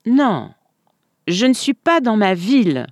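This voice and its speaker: A storyteller voicing a calm, stubborn village man who insists he is someone else, in a read-aloud folk tale. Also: mid-range voice, slow pace, dry recording.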